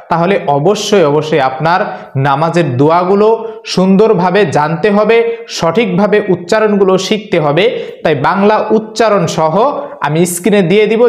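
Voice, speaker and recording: A man teaching a religious lesson on prayer recitation, earnest and instructive, repeating phrases slowly for learners. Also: a little high, echoey room.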